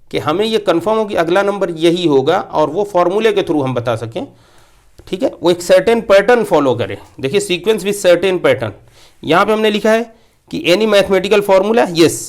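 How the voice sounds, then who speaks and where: A man with a slightly raised pitch gives a classroom maths lecture. He explains step by step, circles back to repeat key points, and slips English terms into his explanation. The voice sits close to the mic. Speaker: maths teacher.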